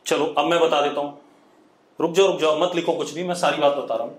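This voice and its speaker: His voice sits on the high side, steady and quick, as he leads a live online physics lesson in a mix of Hindi and English. He dictates word by word, calls his students "beta," and checks often that they follow; the room is echoey.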